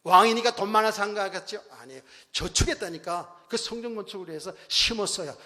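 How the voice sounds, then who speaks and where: A male pastor delivers a sermon in a church sanctuary, exhorting the congregation through rhetorical questions and calls for amen, alternating loud bursts with quiet, low phrases. He speaks fairly quickly with lively intonation, and the recording has a long hall reverb.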